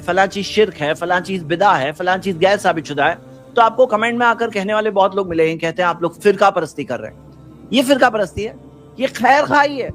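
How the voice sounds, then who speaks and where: A man's voice: sits high, a bit bright. A man giving an earnest religious talk who keeps asking rhetorical questions and quotes Arabic before explaining it. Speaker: Islamic preacher.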